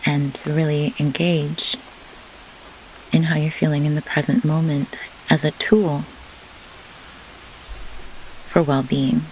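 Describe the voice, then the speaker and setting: Steady rain-like pink noise hisses clearly in the background as a grief doula leads a slow guided meditation. She sits low in pitch and moves through measured, deliberate phrases with pauses, captured on a low-quality recording.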